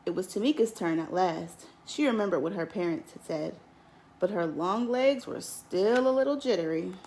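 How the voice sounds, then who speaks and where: Gravelly-edged woman reading a storybook. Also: lowish voice, moderate pace, slight background noise, rough recording. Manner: expressive, lilting storytelling with lifts on key words. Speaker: teacher. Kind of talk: storybook read-aloud.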